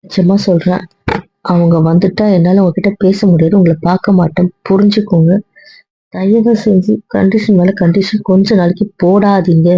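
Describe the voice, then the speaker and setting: A woman's voice: lowish voice, steady tone, moderate pace, warm tone, husky, dry recording. A woman playing a stubborn, pleading young wife. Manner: earnest, repetitive pleading. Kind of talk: hobby audio drama. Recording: dull dry lo-fi sound.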